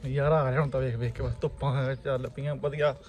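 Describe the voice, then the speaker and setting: A man's voice: medium pitch, level tone, fast talker, a little mellow. A man with a Punjabi accent vlogging in casual, earthy chat, exclaiming often and repeating himself. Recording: noisy, birds and ambient sound. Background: pigeons and ambient noise.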